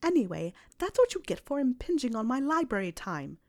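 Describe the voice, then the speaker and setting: A woman playing a prim, exasperated schoolgirl witch, pitched high. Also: sing-song. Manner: prim, exasperated, quick-tempered. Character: bossy, clever teenage witch girl.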